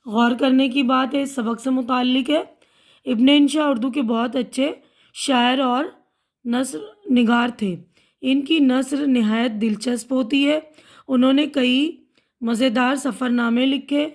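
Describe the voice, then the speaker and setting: High-voiced woman teaching a class. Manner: patient, repeats and glosses words. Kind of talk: explaining a school lesson.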